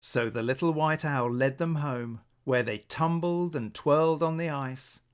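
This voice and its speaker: A man reads a children's picture book aloud at a slow, unhurried pace. His delivery is gentle and measured, like bedtime narration. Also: fairly high pitch, smooth. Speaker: storybook narrator.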